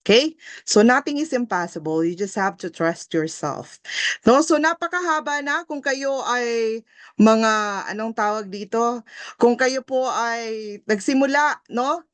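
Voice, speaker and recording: Filipino-accented woman, review coach, slow and reassuring, slightly high voice. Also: animated, no echo. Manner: encouraging, mixes Filipino and English, frequent tag questions. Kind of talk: online review class.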